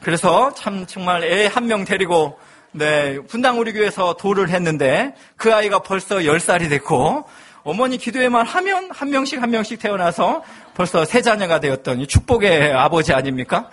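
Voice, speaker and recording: A man's voice: high-pitched, animated, normal speed, fairly bright tone. A male pastor in his thirties, preaching a sermon with humorous personal storytelling.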